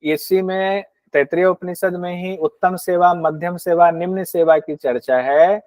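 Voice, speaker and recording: A man's voice: sits high, steady tone, a little slow, darkish tone, no echo. A man teaching a Hindi lecture on scripture, explaining verses and asking and answering his own questions. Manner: acts out rude and grudging hosts in quoted asides.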